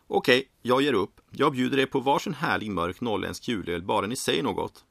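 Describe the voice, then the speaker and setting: A flamboyant male bartender in a Santa suit, talking high and gushing, as a man puts him on. The voice climbs well above the narrator's gravelly tone and gets loud with excitement. A spoken storybook recorded close and dry. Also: no room sound, full character voice. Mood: impatient, prying.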